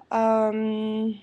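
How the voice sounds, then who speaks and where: Young woman, slow and rambling; casual home vlog update recorded into a computer mic. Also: fairly high pitch, muffled recording, background noise. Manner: rambling and unhurried, with fillers and restarts. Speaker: vlogger and new mother. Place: indoors at home. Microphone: computer webcam microphone.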